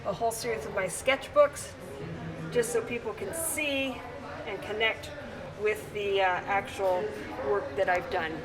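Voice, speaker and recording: A woman's voice: medium pitch, steady tone, unhurried, low-quality recording. A woman from the Congo, an artist giving a casual livestream tour of her exhibition, chatting as she walks through an indoor gallery on her phone. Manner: chatty, showing work while walking around. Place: indoor art gallery at a busy opening. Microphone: handheld phone livestream. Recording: crowd chatter behind, phone mic. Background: gallery crowd chatter.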